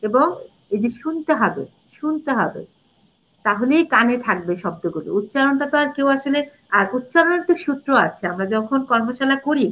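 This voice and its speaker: A woman's voice: high-pitched, animated, moderate pace, a bit bright. A middle-aged woman, a Bangla teacher and reciter, explaining pronunciation rules in a live interview and demonstrating words and short sung lines. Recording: dull lo-fi audio.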